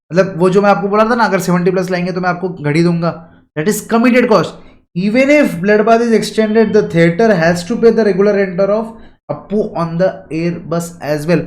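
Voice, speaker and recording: High-voiced male exam tutor. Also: a little mellow, echoey room. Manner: explains step by step, repeats key lines, asks students questions; reads English lines slowly and stretched out. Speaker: teacher. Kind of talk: exam coaching lecture.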